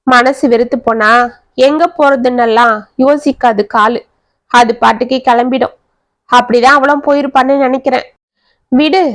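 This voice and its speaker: A weary middle-aged aunt, bitter and full of sighing complaints about the family, played by a woman telling the story. Her voice sits high and is recorded dry and close. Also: no room sound, lightly acted.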